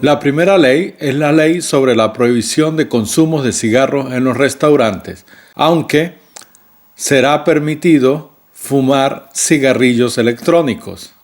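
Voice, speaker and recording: A man presenting a weekly news summary, reading in a steady, measured way with small slips. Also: medium pitch, distant mic. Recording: very echoey room, voice from afar, faint guitar.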